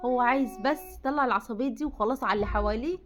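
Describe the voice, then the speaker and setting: A woman with an Egyptian Arabic accent talks straight to camera in a quick, friendly stream of advice. Her voice sits a little high, and she speaks to the listener directly and warmly, like a friend offering tips. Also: soft background music. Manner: chatty, addresses the viewer directly as a friend. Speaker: relationship advice vlogger.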